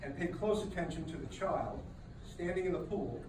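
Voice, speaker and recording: A man gives a wedding rehearsal dinner speech in a fairly high voice at a moderate pace, drawing laughs from the crowd with dry, self-deprecating humor. The recording is distant and echoey, taken from across a large banquet room with no mic, and the crowd noise is loud.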